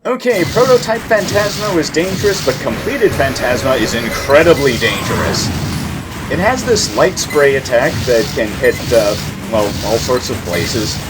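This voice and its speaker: A man's voice: medium pitch, lively intonation, moderate pace, loud music behind the voice. A man giving explanatory gameplay commentary, putting emphasis on key words as he plays. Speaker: game player and commentator.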